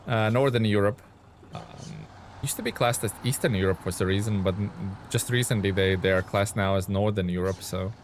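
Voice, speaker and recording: This man from Lithuania speaks briskly in a low, steady voice while casually chatting on a game live stream. He reads out viewer comments and answers them, using plenty of fillers, over slight background noise.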